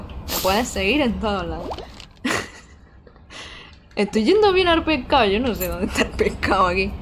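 A woman's voice: fairly high pitch, slight background noise. A young woman chatting casually with her live-stream viewers while playing, frank and swearing casually. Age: young adult.

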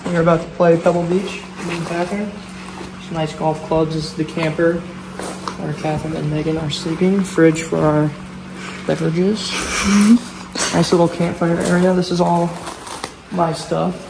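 A man's voice: on the high side, flat delivery, measured pace, vocal fry, echoey room, background noise. A young man joking around and giving a casual tour to a vlog camera. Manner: jokey, playful, tour-guide talk.

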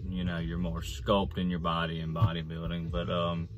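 A man in his forties speaks with a deep, low voice. He sounds like a casual vlogger talking inside a car, rambling along with frequent halts in a plain, folksy way. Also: monotone, normal speed. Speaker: fitness vlogger. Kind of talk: casual off-the-cuff vlog talk.

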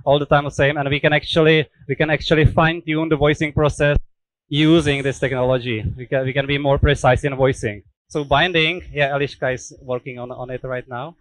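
A man's voice: fairly high pitch, flat delivery, brisk, no echo, low-quality recording. A man in his thirties, a native Czech speaker talking in English, explaining guitar making on a factory tour through a headset mic, with many restarts and fillers. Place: indoor guitar workshop.

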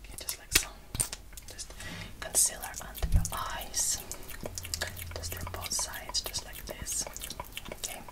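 Young woman, whispered role-play, breathy fast ASMR, brisk repetitive phrasing, slightly distant mic. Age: young adult. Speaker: ASMR performer playing a make-up artist. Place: small indoor room.

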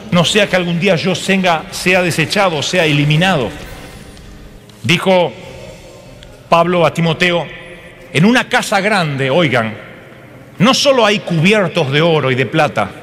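A man preaching an animated sermon to a church, acting out voices with humor. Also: high-pitched, long reverb tail.

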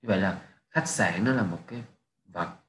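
A man with a fairly low voice explains test answers step by step, reading English phrases. The recording sits in an echoey room with a faint hiss. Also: moderate pace, a bit bright. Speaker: English teacher. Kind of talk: exam answer walkthrough.

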